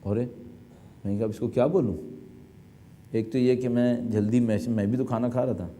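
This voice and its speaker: A man's voice: mid-range voice, fairly even intonation, mellow, a little hiss or hum. A middle-aged male cleric preaching an emphatic sermon, full of rhetorical questions. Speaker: cleric delivering a majlis.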